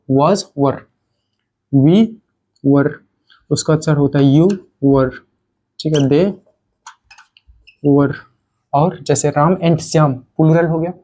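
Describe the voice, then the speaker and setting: A man's voice: a little high, warm tone, poor audio. A man with an Indian accent teaching English grammar, explaining step by step and often checking that the class follows. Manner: explanatory, repeats key terms, checks with "theek hai?". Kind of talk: spoken English lesson.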